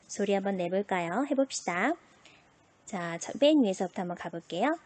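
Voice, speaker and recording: A woman's voice: medium pitch, expressive, normal speed, a little mellow, no room sound. A woman teaching a recorded online class, asking her students questions, answering them herself and sounding out syllables in drills. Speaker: Chinese teacher.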